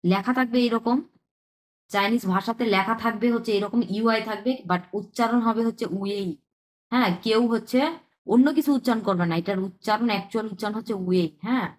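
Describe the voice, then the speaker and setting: A woman's voice: on the high side, fairly even intonation. Echoey woman teaching a language class. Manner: repeats words slowly, checks in with "হ্যাঁ?". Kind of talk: online language lesson.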